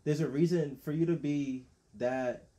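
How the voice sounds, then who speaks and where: A man's voice: fairly high pitch, measured pace, mellow. A man hosting a podcast, talking casually in loose slang, often laughing and trailing off mid-thought. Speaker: podcast host. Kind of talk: casual chat.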